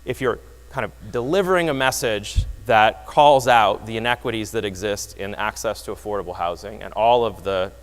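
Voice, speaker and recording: A man's voice: on the low side, normal speed. Man giving a wry talk in an echoing hall. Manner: lively, wry, explanatory, frequent restarts. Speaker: presenter. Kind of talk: conference talk. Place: conference hall. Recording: long hall reverb.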